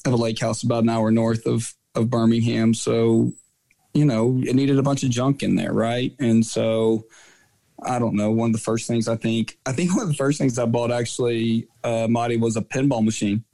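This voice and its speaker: A man's voice: medium pitch, fairly even intonation, moderate pace, vocal fry, mellow. Rambling male guest full of fillers. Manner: rambling anecdotes full of fillers and self-corrections. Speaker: guest, soccer coach. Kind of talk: casual podcast interview.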